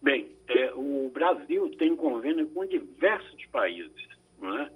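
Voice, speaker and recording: A man, a lawyer on a Brazilian radio call-in show, answering listener questions in a measured, explanatory way with frequent tag questions. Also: mid-range voice, big pitch swings, husky, narrow, tinny audio. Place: radio studio.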